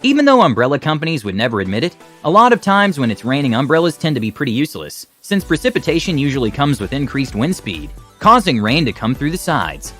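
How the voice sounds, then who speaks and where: A man's voice: mid-range voice, big pitch swings, fast, hardly any pauses, fairly bright tone. A man reading scripted narration for a video compilation in an explanatory, lightly wry way. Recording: background music under voice. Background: music.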